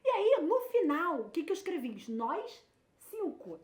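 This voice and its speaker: A woman's voice: very high voice, very animated, measured pace. A woman in her thirties, animatedly telling a personal story in casual chat and acting out the people she quotes. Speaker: guest. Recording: echoey room with faint noise.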